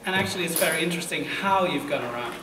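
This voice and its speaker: A man's voice: a little high, very fast. A young man hosting a live interview, casual and full of fillers. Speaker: host. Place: room with a table, audience. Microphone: table mic on stand. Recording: echoey room, noisy, far from mic.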